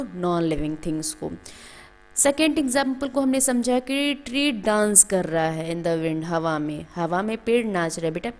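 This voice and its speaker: A woman teaches a school grammar lesson. She explains each point step by step, poses questions and answers them herself, and addresses her students fondly. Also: medium pitch. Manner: calls students "beta".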